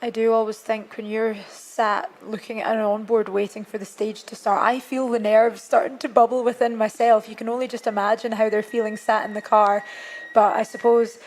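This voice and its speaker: A woman's voice: a little high, level tone, normal speed, a little mellow. A woman co-commentating on a rally, talking in a conversational, reflective way. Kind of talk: live sports commentary.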